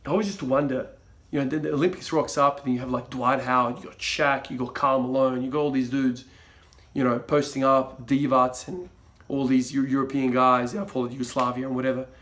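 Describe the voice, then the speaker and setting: Talking to camera in a loose, rambling way full of fillers and restarts, a young fitness vlogger from Croatia, brought up in Australia, delivers his words a little fast. His medium-pitched voice is fairly bright but flat.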